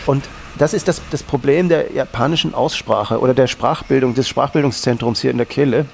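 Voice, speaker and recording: Gravelly Austrian man telling anecdotes. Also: medium pitch, brisk, a little hiss or hum. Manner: rambling and anecdotal, with many restarts. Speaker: guest. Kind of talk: casual interview talk.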